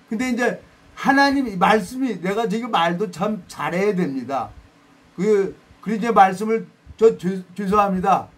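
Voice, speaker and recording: A man preaching a sermon, reading scripture and telling folksy stories with dramatic quoted voices and self-deprecating asides. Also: high voice.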